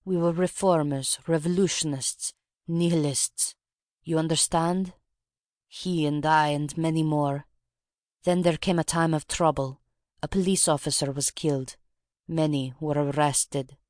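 A reader playing a proud, grave Russian woman revolutionary who makes a dignified confession in an audiobook. The recording is dry and close, with a middle pitch. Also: steady tone, a little slow, darkish tone, no room sound, natural voice. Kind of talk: audiobook reading.

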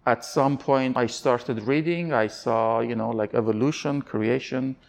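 A man's voice: mid-range voice, measured pace, vocal fry. A man from Iran, giving candid interview answers in an earnest, searching way, often restarting his sentences.

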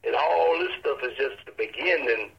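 An older man with an Arkansas accent, a church elder speaking as an interview guest in a folksy, halting way. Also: medium pitch, gravelly. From Arkansas, United States. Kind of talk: casual interview talk on faith. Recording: dull lo-fi radio or phone line.

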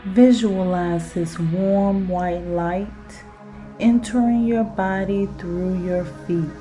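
A woman guiding a self-hypnosis relaxation in a soothing, deliberate manner, like a sleep story narrator. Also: mid-range voice, steady tone, mellow, soft background music. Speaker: podcast host and relaxation guide.

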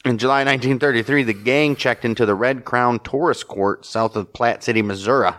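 A man's voice: medium pitch, a little fast, a bit bright. A man co-hosting a true-crime podcast, swearing and joking casually while reading ad copy and case notes. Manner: profane, joking, laughs often. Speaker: podcast co-host.

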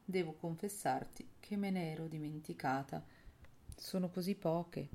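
A woman reading an audiobook and voicing a determined, businesslike young woman who speaks firmly and in a measured way, with a low, gravelly voice. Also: warm tone, a little hiss or hum.

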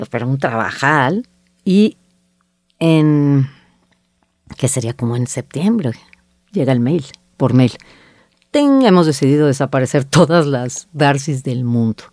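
Mellow-voiced woman telling her story. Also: extremely low pitch, unhurried, long pauses, no room sound, clean studio sound. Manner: lively, quotes herself and others in dialogue. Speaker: agency founder, guest. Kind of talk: storytelling in a conversational interview.

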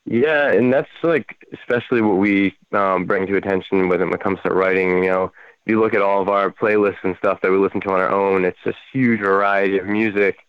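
A man's voice: sits low, fairly even intonation, fairly quick, clean tone, no room sound. A man talking casually and a little ramblingly as a guest in a music interview. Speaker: band member, interview guest. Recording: dry, slightly dull radio audio.

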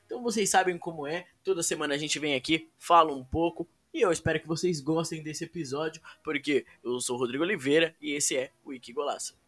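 A man's voice: a little high, quick pace, hardly any pauses, fairly bright tone. A Brazilian man hosting a football podcast in a casual conversational style. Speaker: podcast host.

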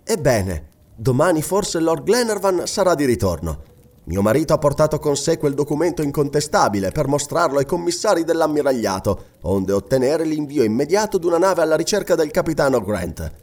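A man voicing a gentle noble lady who speaks in a calm, measured, reassuring way, in an audiobook. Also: on the high side. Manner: measured, soothing. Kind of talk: audiobook reading.

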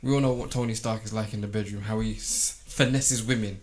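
A man's voice: fairly low pitch, fairly even intonation, a little fast. A man making his point in a casual debate as a panellist. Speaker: talk show panellist. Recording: clearly noisy background with clicks.

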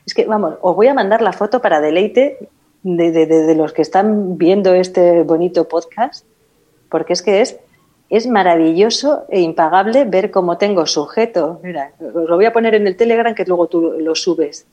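A woman's voice: fairly low pitch, normal speed, dark tone, muffled recording. A woman hosting a podcast, telling stories in a comically exaggerated, dramatic way. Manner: exaggerated, dramatic storytelling with pleading asides. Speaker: podcast host. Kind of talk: comedic casual chat.

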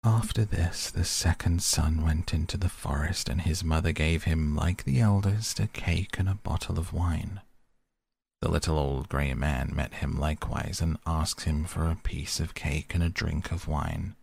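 A man gently reading fairy tales aloud as a calm bedtime story. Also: a bass voice, a little slow, gravelly, slightly rough, no room sound.

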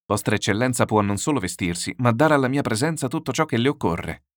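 A man reading an audiobook, voicing a middle-aged male schemer who speaks to a general in an obsequious, flattering way. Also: mid-range voice, fast talker, no room sound, clean studio sound, voice pushed up, close to an everyday voice. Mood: fawning.

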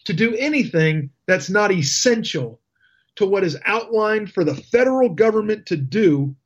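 A man's voice: high voice, expressive, normal speed, dull audio. A male talk radio host delivering an indignant, sarcastic political rant. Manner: indignant, emphatic ranting with sarcasm.

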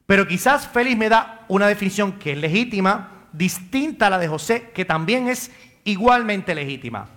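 A man with a Caribbean Spanish accent preaches a sermon as a priest in church, his voice pitched high. He questions and answers himself and calls on members of the congregation by name, with a bright, forceful tone. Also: animated, normal speed.

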